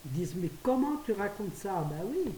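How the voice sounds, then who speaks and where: A woman's voice: medium pitch, very animated, mellow. Chatty older woman filming her home. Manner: fast, chatty, laughing at herself. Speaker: vlogger. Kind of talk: casual chat to camera. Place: her apartment, indoors. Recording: roomy, distant phone audio with faint hiss.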